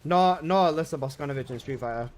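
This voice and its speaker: A young man banters with his live chat while he plays. His slangy, laid-back talk sits in a slightly higher register, and he is recorded from his room at home. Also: fast, a little hiss or hum. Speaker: gaming livestreamer. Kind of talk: casual live-stream chat.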